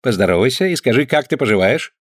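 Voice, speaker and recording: A man reading aloud, voicing a gentle, kindly circus clown. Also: mid-range voice, expressive, quick pace, slightly rough, no room sound, clean studio sound. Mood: playful. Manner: gentle, storytelling.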